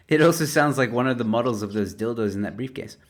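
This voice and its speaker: A man's voice: mid-range voice, a little fast. A man hosting a comedy panel, reading headlines aloud and riffing on them. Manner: reads headlines aloud, then riffs. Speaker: host. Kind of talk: casual comedy panel chat.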